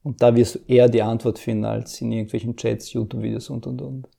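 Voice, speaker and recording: A man's voice: medium pitch, flat delivery, fast talker, vocal fry, dark tone. A man who coaches emotional intelligence, answering interview questions earnestly, repeating words and acting out inner voices.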